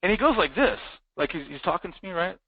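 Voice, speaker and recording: A man's voice: sits high, very animated, quick pace, husky, no room sound, narrow, tinny audio. A man giving a motivational live business training, talking emphatically and repeating his points for effect. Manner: emphatic, repetitive, fired-up. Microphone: live-streamed online.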